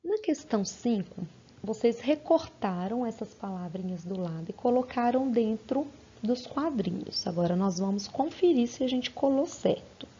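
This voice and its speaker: A woman teaches young children in a recorded lesson, breaking words into syllables with slow, patient care. Her voice sits a little high with a husky edge. The recording sounds dull and lo-fi, like a home setup. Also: lively intonation, warm tone.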